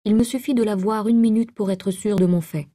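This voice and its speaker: Dark-toned woman reading a novel. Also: mid-range voice, fairly even intonation, fairly quick. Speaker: audiobook reader. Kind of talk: literary audiobook narration.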